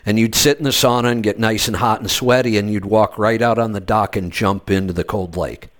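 A man's voice: on the low side, fairly even intonation, brisk. A man hosting a casual talk, telling stories in a laid-back way with frequent restarts. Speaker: host. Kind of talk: casual podcast chat.

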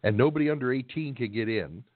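Folksy middle-aged radio co-host on a phone line. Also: male voice, medium pitch, expressive, fast, dry recording. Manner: rambling, folksy, joking. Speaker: co-host of a trucking call-in radio show. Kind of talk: casual radio banter. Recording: dry, tinny phone-line sound.

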